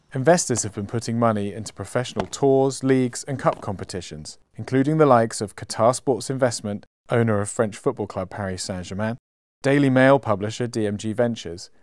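A man giving measured, scripted news narration as a voice-over. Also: mid-range voice, darkish tone, no room sound. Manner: measured, informative.

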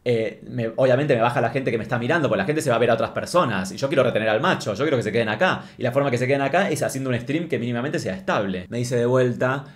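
A man's voice: medium pitch, very fast, few pauses. A man with an Argentine accent telling a comic story as a streamer, ranting in a crude, sarcastic way. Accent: Argentine Spanish.

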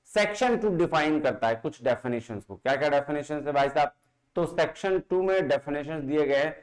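A man with an Indian accent teaching a law exam lesson, slowly reading English passages and asking and answering his own questions. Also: medium pitch, rough recording. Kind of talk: lecture mixing Hindi and English, reading law text slowly.

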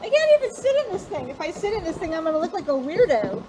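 A woman's voice: very high voice, big pitch swings, fast talker, background noise. A young woman chatting casually and playfully as a companion on a vlog. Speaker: vlogger's companion. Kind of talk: casual chat.

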